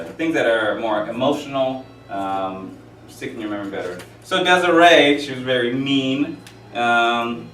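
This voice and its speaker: In an echoey room, recorded from a distance with slight background noise, a forties-aged math teacher rambles through his lesson with jokes, asides and stories between steps. His voice is fairly low-pitched and a bit bright.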